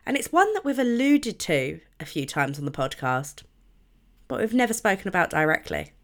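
Stuffy-nosed woman, lively pitch. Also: moderate pace. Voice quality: nasal, stuffy nose from a cold. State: bunged up with a cold. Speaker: podcast host. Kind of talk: informal solo podcast presentation.

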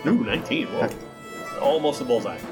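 A male game master narrates a tabletop game in casual fashion. His voice sits at an average pitch. Music is clearly audible behind him. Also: animated, fairly quick.

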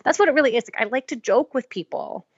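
A woman's voice: high-pitched, lively intonation, fast talker, slightly rough, no echo. A woman co-hosting a podcast in casual chat, talking chattily with many "um" and "like" fillers. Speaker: podcast co-host. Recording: dull, dry, lo-fi recording.

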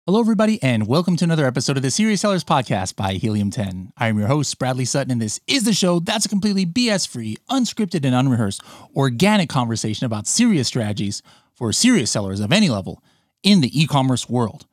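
Host: man, mid-pitched, chatty and upbeat, dry close sound. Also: sing-song, quick pace, dry recording. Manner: upbeat, chatty, self-deprecating, many fillers. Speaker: podcast host. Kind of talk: casual interview chat.

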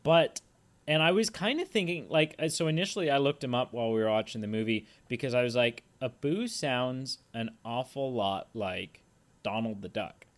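A man's voice: medium pitch, normal speed. Chatty man reviewing a movie. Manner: chatty, tangent-prone, lots of fillers. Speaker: podcast co-host. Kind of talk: casual movie review chat.

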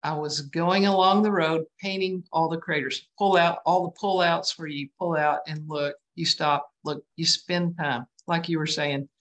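A woman from West Texas with a West Texas twang, chatting as a guest on a video call in a halting, self-deprecating way. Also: low-pitched, fairly even intonation. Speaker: guest artist, painter. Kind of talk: casual interview chat over video call.

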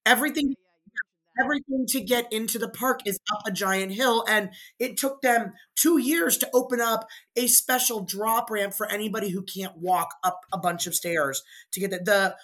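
A woman's voice: mid-range voice, normal speed, a bit bright. A woman co-hosting a casual podcast, talking in a wry, sarcastic way. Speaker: podcast co-host. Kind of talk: casual chat.

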